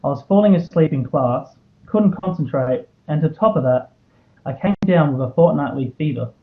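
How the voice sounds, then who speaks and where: A man's voice: a little high, expressive, moderate pace, phone-quality sound. A man in his twenties with an Australian accent delivers a prepared, earnest motivational speech, telling a personal story and posing rhetorical questions. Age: 20s. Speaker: student award recipient giving a speech. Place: live speech to an audience.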